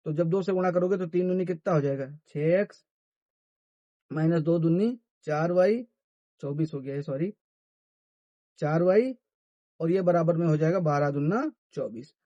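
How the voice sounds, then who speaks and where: A man's voice: fairly high pitch, moderate pace, pauses often, warm tone, dry recording, lo-fi sound. A man teaching a math lesson who asks his students questions and answers them himself. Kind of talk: classroom-style math lesson.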